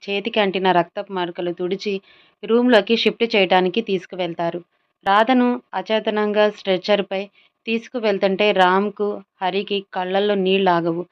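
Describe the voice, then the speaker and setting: A woman's voice: mid-range voice, dull audio. A woman reading a romance story aloud, voicing all of its characters herself. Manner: reads every character herself, mostly in an even voice.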